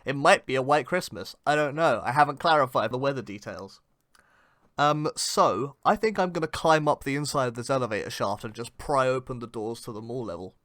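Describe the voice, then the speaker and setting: A man's voice: mid-range voice, expressive, fairly quick, fairly bright tone, no echo. A man playing in an improvised tabletop role-playing game, speaking in a dry, matter-of-fact way. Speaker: player. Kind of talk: in-character improv play.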